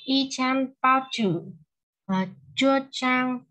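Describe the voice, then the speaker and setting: A woman student reading Chinese phrases aloud haltingly. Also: high-pitched, sharp tone. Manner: reads aloud slowly and haltingly.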